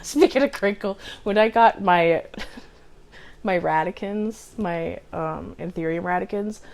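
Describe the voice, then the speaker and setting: An American woman hosts a podcast, chatting casually and telling stories sprinkled with quoted asides. Her voice is fairly low, a little mellow, and slow-paced.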